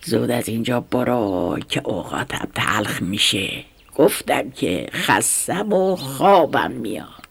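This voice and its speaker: Woman whispering a boastful storybook snake, husky and low, sleepy menace, whispered role-play. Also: lively intonation, heavily acted. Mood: drowsy menacing. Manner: drowsy, threatening, boastful. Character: smug lazy bullying male snake.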